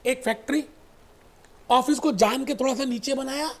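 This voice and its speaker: A man teaching an accounting lecture, who explains through animated storytelling, repeats his points and addresses students fondly as "beta". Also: very high voice, moderate pace, creaky. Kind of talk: recorded classroom lecture.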